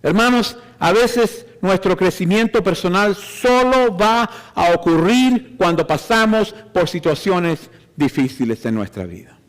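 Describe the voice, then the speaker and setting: A man preaching a sermon as pastor, slow and emphatic, putting rhetorical questions to the congregation. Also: high voice, expressive, in a large hall. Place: church hall.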